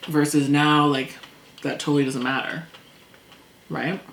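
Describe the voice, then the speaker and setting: A woman chatting casually over a meal, talkative and quick to laugh, acting out things people said. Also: low-pitched, flat delivery, gravelly. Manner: chatty, laughs often, acts out past quotes. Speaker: co-host. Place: indoors at a table. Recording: echoey room, faint noise.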